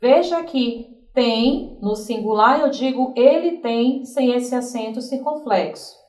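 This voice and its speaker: A woman teacher with a Brazilian Portuguese accent explaining grammar rules, repeating examples slowly and checking in with the class. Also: fairly high pitch, darkish tone. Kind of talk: recorded grammar lesson. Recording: roomy, from a distance.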